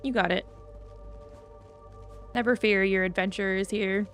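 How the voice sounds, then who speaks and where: A woman streams an online fantasy game with faint game music in the background, keeping things chatty and upbeat while she thinks aloud and reads out comments from viewers. She speaks a little slowly in a mid-range, fairly bright voice with fairly even intonation.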